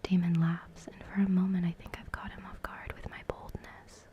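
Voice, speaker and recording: A woman in a whispered role-play, playing and reading a game aloud in a soft, chatty whisper and reacting as she goes. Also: on the low side, flat delivery, normal speed, highs cut off. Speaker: ASMR creator.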